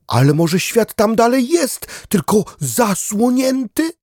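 A man doing a slow musing little dog. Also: very high-pitched, big pitch swings, a little mellow, no room sound, clean studio sound, voice pushed up, heavily acted. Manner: slow, pondering. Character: thoughtful male dog, calm and musing. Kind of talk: audiobook character voice.

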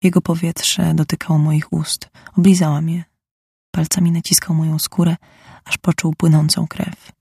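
A woman giving an unhurried, hushed first-person reading of a literary story. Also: low-pitched, little pitch movement, vocal fry, breathy edge, no echo, studio quality. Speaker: audiobook narrator. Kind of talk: scripted first-person narration.

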